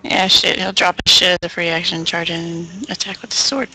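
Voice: medium pitch, steady tone, fairly quick, bright, forceful tone, a little hiss or hum, poor audio. A player in a tabletop game who swears often and gets frustrated. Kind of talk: casual tabletop game play.

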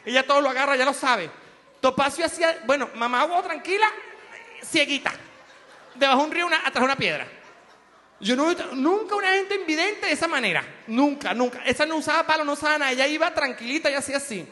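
A man with a Venezuelan accent doing a crude, mocking stand-up comedy routine, telling animated stories. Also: very high voice, fast, long reverb tail.

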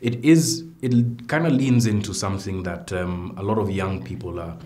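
A man hosts a relaxed interview in a very deep voice. He asks probing questions in a playful way and talks with plenty of fillers and restarts. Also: normal speed. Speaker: talk show host. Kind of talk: conversational interview.

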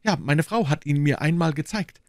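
Ängstlicher Hausbesitzer mit hoher, gepresster Stimme, von einem Mann gelesen. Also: male voice, animated, normal speed, dry recording, studio quality, close to an everyday voice. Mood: fretful. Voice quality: high, strained voice. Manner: wordy, timid, eager to please. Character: anxious, fussy middle-aged male landlord. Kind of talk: audiobook reading.

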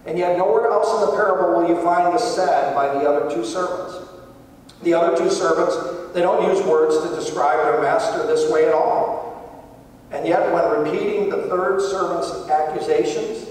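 Standing at the pulpit in a large church sanctuary, this middle-aged man delivers an earnest sermon, pressing points emphatically as his intensity swells and recedes. His voice sits on the high side yet sounds darkish, captured from far off via a distant camera and the pulpit mic in an echoing hall.

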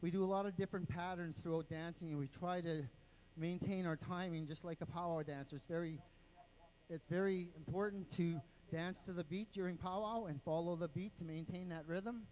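A man's voice: high-pitched, steady tone, brisk, darkish tone, rough recording. A man explaining dances to an event crowd on a handheld microphone, patient and step-by-step, counting out rhythms. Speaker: dance group spokesman and announcer. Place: indoor powwow event.

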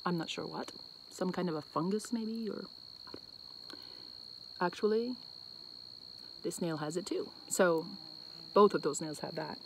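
Unhurried and fairly low-pitched with vocal fry, this Acadian Canadian vlogger leaves long pauses as she chats casually, thinking aloud and cutting herself off. She is filming outdoors on a bridge over water with her phone set on the bridge, capturing traffic and insect noise.

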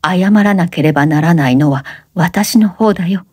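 A gentle young man, voiced by a woman reader speaks softly and earnestly, trying to reassure. The tone is mellow and unhurried, and the recording is close and dry. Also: lowish voice, slightly rough, no room sound. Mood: soothing. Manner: soothing, hushed, reassuring.

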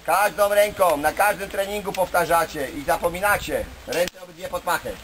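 A man's voice: high-pitched, moderate pace. A man leading a karate class, calling out counts and commands and correcting students in a stern coaching manner. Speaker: karate instructor. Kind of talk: barking drill commands and counts. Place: outdoor training camp with a group. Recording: noisy outdoor camera audio with group.

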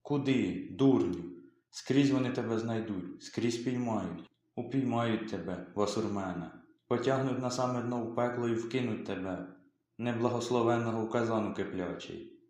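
A man reading aloud voices a pious, scolding peasant mother with a sharp, chiding manner. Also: mid-range voice, moderate pace, close to an everyday voice. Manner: scolding, then softly pious. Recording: very echoey room.

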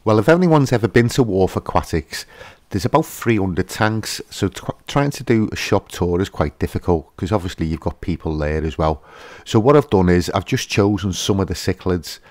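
Deep-voiced man, casual commentary. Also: animated, normal speed, a little mellow, dry recording. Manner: hesitant, many fillers and restarts. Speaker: fishkeeping channel host.

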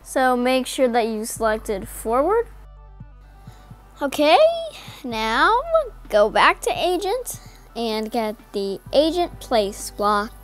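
A woman narrates a step-by-step coding tutorial in a plain, instructing voice-over over a screen recording, with faint music behind her. Her voice is a little high and animated, and she takes it slowly, leaving long pauses.

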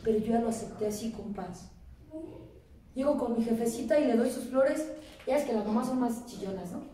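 A woman's voice: fairly high pitch, a little fast, warm tone. A woman in her thirties with a Mexican accent, giving a blunt, preachy testimony full of swearing at a recovery group meeting. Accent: Mexican Spanish. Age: 30s. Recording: echoey room, voice far from mic, noisy.

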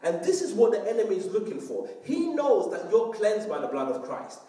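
A man's voice: high-pitched, sing-song, fairly quick, dark tone. A man preaching a sermon as pastor, emphatic and often checking that the congregation understands. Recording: very echoey room, voice from far off.

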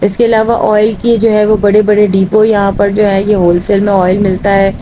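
Steadily going item by item, a vlogger with a Pakistani Urdu accent describes what's for sale at a market and what each thing costs. Her mid-range voice moves at a moderate pace, but the audio is dull and the background noisy, with music running underneath.

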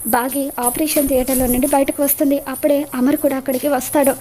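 A woman with a high voice recounts a serial episode as scripted narration. Her tone is mellow and soft, and she keeps an even, steady pace. Her pitch stays flat with little rise or fall. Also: fast, a little hiss or hum.

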